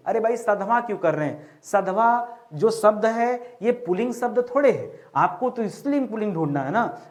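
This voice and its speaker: A male teacher giving an exam-prep grammar lesson, who keeps repeating his questions back to the viewers and slows down to spell out key words. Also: sits high.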